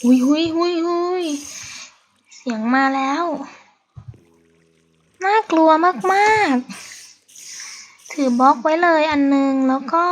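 Female gameplay host, high bright voice, chatty running commentary, hushes when scared. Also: slight background noise. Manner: chatty, talks to viewers, corrects her own slips; drops to a scared hush in tense moments. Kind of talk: casual let's-play commentary.

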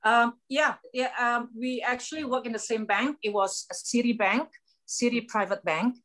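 A woman's voice: on the high side, fairly even intonation, normal speed, a bit bright. A woman, a guest on a video-call interview, speaking hesitantly with many fillers. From Singapore, born in Indonesia.

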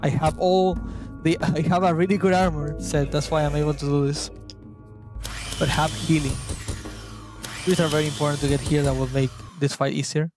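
With music in the background, a young Argentine gaming YouTuber, native in Spanish, walks through a gameplay guide at normal speed. His voice is a little high with fairly even intonation, and he's chatty, sometimes hunting for words and cursing at the game.

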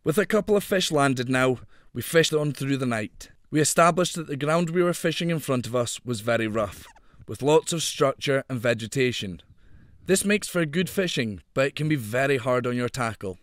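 A man giving steady, scripted voice-over narration of a fishing trip. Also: mid-range voice, moderate pace, no echo, clean studio sound. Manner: steady, explanatory. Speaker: channel host narrating.

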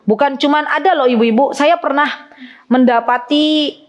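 A woman's voice: high-pitched, fairly even intonation, moderate pace. Woman giving a chatty religious lecture. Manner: chatty, addresses listeners directly, recites Arabic phrases. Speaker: religious teacher. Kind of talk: Islamic study lecture to women.

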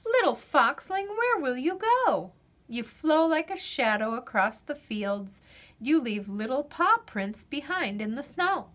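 A woman reads a children's picture book aloud as a storyteller, her high voice gentle and expressive, with deliberate dramatic pauses.

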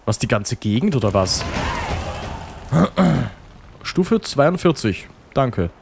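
A man's voice: mid-range voice, big pitch swings, slow, background noise. A man giving casual, joking gameplay commentary and reading game text aloud. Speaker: let's play host.

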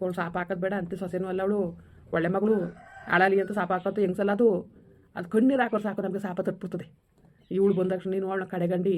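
A woman's voice: mid-range voice, mellow, lightly acted. A woman playing a blunt older village woman who reproaches her co-mother-in-law.

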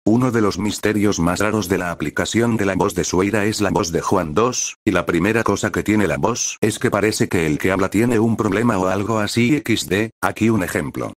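A man's synthetic voice narrating cartoon sketches as channel host, with a flat, clipped delivery. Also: lowish voice, a little fast, hardly any pauses, no room sound.

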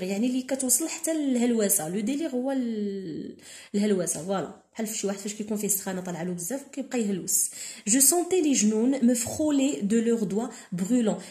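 A woman with a Moroccan accent teaching a lesson, reading lines slowly and then explaining them with many fillers. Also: medium pitch, warm tone, roomy sound. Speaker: French literature tutor. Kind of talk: code-switching lesson explaining a novel.

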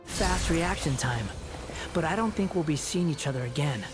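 A man playing an aloof, cynical young former villain in a video game, speaking in a cool, sardonic, deliberate way. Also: a little high, animated, music in the background, lightly acted. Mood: menacing, resolute. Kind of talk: video game dialogue acting.

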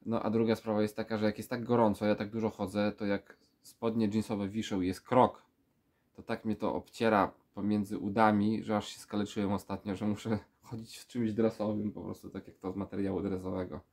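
A man's voice: fairly low pitch, level tone, brisk, a little mellow. A man in his thirties from Poland with a stuffy, pinched-nose nasal voice, sounding under the weather as he chats casually and ramblingly for a vlog. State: sick with a stuffy nose, feeling weak. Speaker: vlogger. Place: small room with full shelves, indoors.

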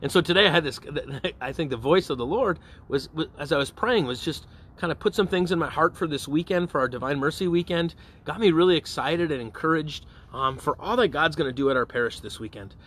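Chatty priest with a fairly high voice. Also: male voice, fairly quick, fairly bright tone. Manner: conversational, often checks in with "okay?" and "all right?". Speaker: parish priest. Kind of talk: informal evening prayer reflection.

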